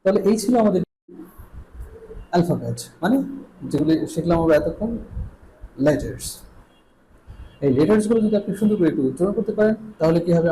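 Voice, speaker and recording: A man teaching English letter sounds, repeating each sound slowly and patiently. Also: high voice, dark tone, slight background noise, poor audio.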